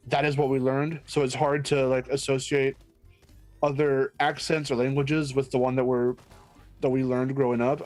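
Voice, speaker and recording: A man from the United States chats casually on a stream, rambling, joking, and frequently restarting his sentences. His voice sits a little high with a darkish tone.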